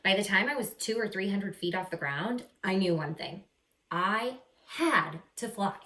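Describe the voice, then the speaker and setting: Female teacher, expressive story-time read-aloud, animated intonation, chatty asides to kids, echoey room. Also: mid-range voice, a little slow. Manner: animated, acts out characters, stretches key words. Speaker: second-grade teacher reading aloud. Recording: roomy echo, some distance from mic.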